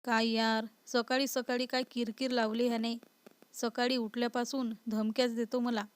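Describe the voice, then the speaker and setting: A woman voicing an indignant young wife who is easily scared and quick to sulk. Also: a little high, fairly even intonation, dry recording, close to an everyday voice. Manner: indignant, sulky.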